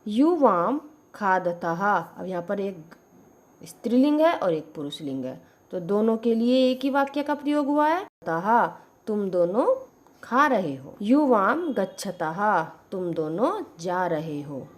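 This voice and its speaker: A woman teacher, slowly explaining Sanskrit grammar and repeating each sentence with its meaning. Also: mid-range voice, sing-song. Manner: slow, deliberate, repeats each sentence with its translation.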